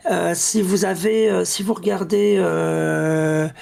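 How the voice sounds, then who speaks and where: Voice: mid-range voice, fairly even intonation, takes it slowly, vocal fry, darkish tone. A podcast co-host chatting casually and enthusiastically, sometimes searching for words. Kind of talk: casual chat.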